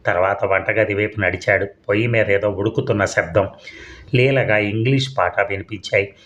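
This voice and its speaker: A male storyteller reading a suspense tale aloud. His voice sits on the low side, and he keeps a steady, measured pace with the odd small slip. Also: dull audio. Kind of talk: scripted narration of a suspense story.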